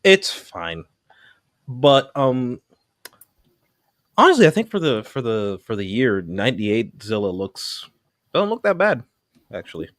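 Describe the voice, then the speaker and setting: A man's voice: medium pitch, wildly swooping pitch, measured pace, pauses often, no room sound, studio quality. A man co-hosting a casual panel podcast, joking and arguing with frequent restarts. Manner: joking, argues with hesitant restarts. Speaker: podcast co-host.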